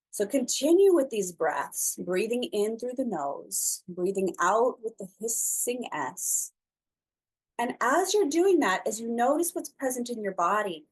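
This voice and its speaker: A woman instructor guides a slow breathing meditation, her medium-pitched voice soft and soothing, with long pauses between phrases. The recording is rough.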